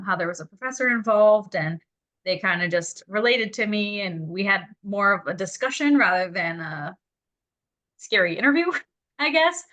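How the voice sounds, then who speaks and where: A young woman from Canada talks informally about her studies. Her voice is bright and sharp, with a medium pitch. She keeps things casual and light. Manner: chatty, informal, laughs easily. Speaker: optometry student panelist.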